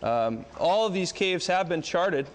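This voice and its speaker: A man's voice: high-pitched, lively intonation, unhurried. Male guide in a reverberant cave. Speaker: sea cave tour guide. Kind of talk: informal guiding and explaining on location. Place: sea caves on water. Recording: long cave echo, faint noise.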